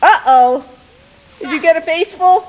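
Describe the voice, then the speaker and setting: Outdoors in the snow, a mother films her kids on an aging handheld camcorder, narrating as she goes and getting them to wave at the camera. Her voice is extremely high and unhurried. The built-in mic cuts off the highs and leaves a faint hiss.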